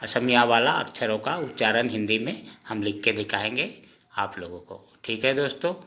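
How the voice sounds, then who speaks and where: A man teaching a lesson, repeating each sound slowly and asking his own questions before answering them. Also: medium pitch, animated, pushed and bright. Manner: often says "okay friends". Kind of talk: slow spoken lesson.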